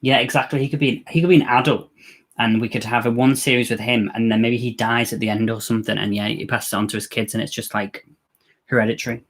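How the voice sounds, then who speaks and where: With a quick pace and a steady, fairly bright medium-pitched voice, an English host with a Scouse accent runs a casual live movie watch-along. He jokes around, reacts to what's on screen and answers comments from viewers.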